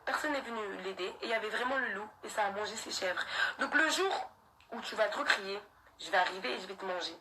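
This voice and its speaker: A woman's voice: medium pitch, brisk, sharp tone, a little hiss or hum, rough recording. A young woman, speaking on a live stream in a defiant, slangy rant that keeps circling back on itself, laughs breaking in. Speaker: livestreamer addressing her followers.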